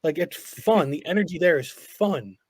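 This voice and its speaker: A man's voice: on the high side, animated, normal speed, breathy edge, dry recording. A man co-hosting a podcast, leading the talk on to new topics with casual questions. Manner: asks questions to steer the talk. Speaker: podcast co-host. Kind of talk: casual sports chat.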